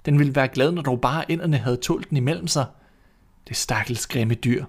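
A man narrating a storybook in a calm, measured, expressive reading. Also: mid-range voice.

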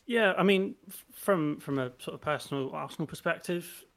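A man's voice: fairly high pitch, normal speed, fairly bright tone. A man chatting on a podcast, stammering and repeating words as he talks. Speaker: podcast co-host. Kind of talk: casual podcast chat.

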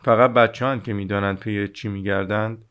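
A man's voice: fairly low pitch, fairly even intonation, a bit bright, smooth, lo-fi sound, lightly acted. A man reading the part of a small, curious boy prince in an audiobook, in an earnest, wondering way.

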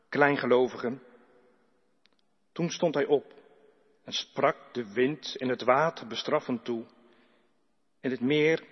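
A man reading Bible passages aloud in a slow, measured, solemn way in church. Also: a little high, slightly rough. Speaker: scripture reader. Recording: echoey church hall, dull lo-fi sound.

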